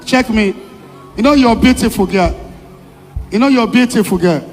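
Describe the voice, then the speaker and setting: High-voiced Nigerian man in a reverberant hall. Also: moderate pace. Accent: Nigerian Igbo-English. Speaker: evangelist leading a deliverance session. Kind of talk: preaching and questioning in a church deliverance. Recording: echoey church hall with music.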